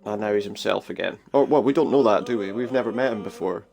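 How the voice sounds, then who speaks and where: A man's voice: lowish voice, fast talker, creaky, a crowd in the background. A man hosting a game playthrough, musing wryly in casual commentary and reading game text aloud. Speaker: gaming video host.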